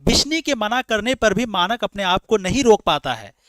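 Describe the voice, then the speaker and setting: Man, teacher, high voice, repetitive explaining, rhetorical questions, dry close sound. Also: sing-song, moderate pace, a bit bright, dry recording. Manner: repetitive, explains in rhetorical questions, calls students dear children. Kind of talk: online exam-prep class.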